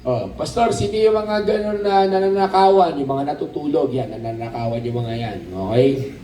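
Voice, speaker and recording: A man preaching a lively sermon at a camp, asking the crowd questions and calling for amens. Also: on the high side, moderate pace, a little hiss or hum. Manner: animated, asks the crowd questions, calls for amens. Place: outdoor camp. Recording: roomy, distant outdoor sermon recording with faint ambience.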